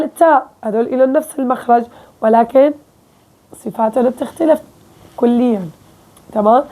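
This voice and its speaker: High-voiced woman teaching with a Levantine accent. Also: a little mellow. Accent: Levantine Arabic. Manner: explains step by step, often checking with "okay?". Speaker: Quran recitation teacher. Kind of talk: casual spoken lesson.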